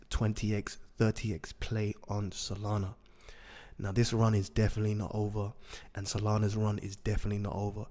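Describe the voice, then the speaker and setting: Raspy low-voiced man, fairly monotone. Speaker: host of a daily crypto news show. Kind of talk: market update commentary.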